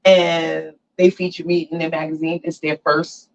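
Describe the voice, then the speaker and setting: A woman's voice: low-pitched, little pitch movement, moderate pace, vocal fry. A woman hosting a casual podcast, talking into her phone, chatty and hyped. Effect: talking into a phone, heard through its mic. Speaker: podcast host. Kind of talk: casual chat. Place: barber chair. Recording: lo-fi phone-mic sound.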